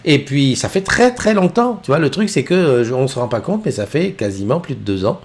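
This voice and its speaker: A man's voice: mid-range voice, sing-song, brisk. A middle-aged man hosting a casual morning live stream, chatting easygoingly and greeting viewers by name. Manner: chatty and easygoing, greets viewers and reads their messages aloud. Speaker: livestream host.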